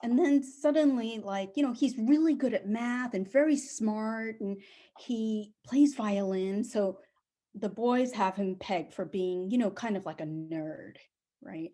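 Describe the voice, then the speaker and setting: A woman in middle age tells a true story from her own life. She talks with lively energy and slips into the voices of the people she describes. Her voice sits at an ordinary middle pitch. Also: unhurried. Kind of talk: spoken personal storytelling.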